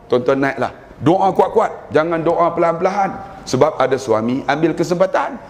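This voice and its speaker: A man with a Malaysian Malay accent and a fairly high, expressive voice preaches a sermon at a moderate pace. He tells stories animatedly and acts out prayers loudly, with a long hall reverb on the recording.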